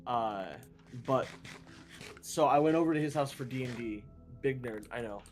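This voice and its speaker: A man's voice: medium pitch, moderate pace, faint music behind. A man streaming a game and chatting casually, rambling with frequent restarts and self-deprecating asides. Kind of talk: casual chat while gaming.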